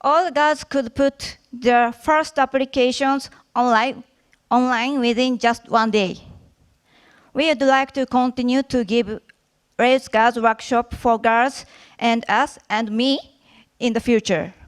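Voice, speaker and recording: Casting: woman, Japanese accent, highish smooth voice, careful halting delivery of a prepared short talk. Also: fairly even intonation. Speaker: conference speaker, workshop organizer. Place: conference stage.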